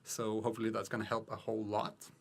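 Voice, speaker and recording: A man reading out game news quickly, hurried and a bit out of breath. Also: on the low side, completely flat delivery. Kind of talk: rapid news update.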